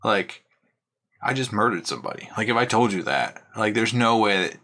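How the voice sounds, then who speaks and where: A man's voice: fairly low pitch, fairly even intonation, moderate pace, sharp tone. A man co-hosting a podcast in casual chat, musing hesitantly and filling his talk with "like". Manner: musing, hesitant, many "like" fillers. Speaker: podcast co-host.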